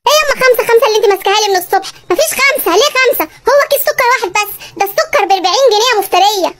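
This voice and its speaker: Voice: very high voice, expressive, a bit bright, a little hiss or hum. A comic performer voicing a stingy, nagging husband with an Egyptian accent, haggling over every kilo in a sketch. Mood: scolding. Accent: Egyptian Arabic. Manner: scolding, haggling, fast-talking. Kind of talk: comedy sketch dialogue.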